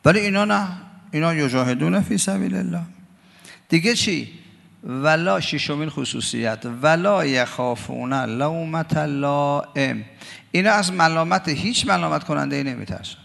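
A man delivers a religious lecture with a deeply gravelly, rough-edged voice. His words ring out in a reverberant hall, and he slows to chant scripture. At times he mocks the voices of others. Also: expressive, a bit bright. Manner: gravelly, mocking voices when quoting others. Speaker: cleric giving a Quran commentary lecture. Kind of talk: religious lecture with Quran recitation.

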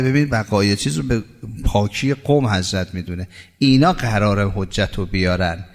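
A middle-aged man preaching a sermon, telling stories with emphasis and jumping suddenly higher on key words. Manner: emphatic storytelling with sudden high rises. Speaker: cleric preacher. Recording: long hall reverb.

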